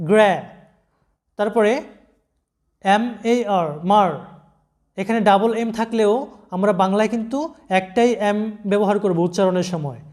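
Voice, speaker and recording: A man's voice: high voice, a little mellow. A man teaching English pronunciation in an online lesson, patiently spelling out words letter by letter.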